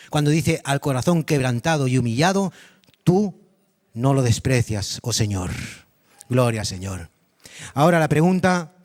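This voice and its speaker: Male pastor, high voice, animated sermon delivery that quizzes the congregation. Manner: animated, dramatic storytelling with repetition; addresses the congregation directly with questions. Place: church congregation.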